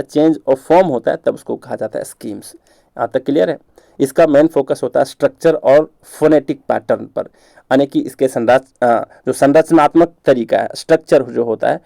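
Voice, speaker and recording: A man teaching an exam-prep grammar lecture, explaining patiently, checking understanding with questions, and reading English examples slowly. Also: mid-range voice, creaky, dark tone, no echo.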